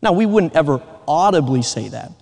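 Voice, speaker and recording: A Southern American preacher delivers his Sunday evening sermon with earnest emphasis and the occasional joke, his slightly high, slightly mellow voice very animated and touched with vocal fry. He speaks at a normal speed, and the church sanctuary echoes around him.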